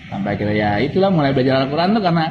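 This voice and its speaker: A man's voice: mid-range voice, very animated, rapid-fire. A young man telling his own story to an interviewer in an earnest, emotional way. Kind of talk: casual personal story told to an interviewer. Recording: muffled lo-fi recording with audible noise.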